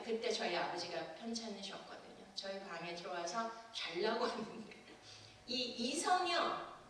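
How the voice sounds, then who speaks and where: A woman pastor preaching a sermon, telling a personal testimony with lively acted-out scenes and frequent laughter. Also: medium pitch, slight background noise. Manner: animated testimony storytelling, acting out scenes, laughing often. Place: church sanctuary. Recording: echoey church from far off.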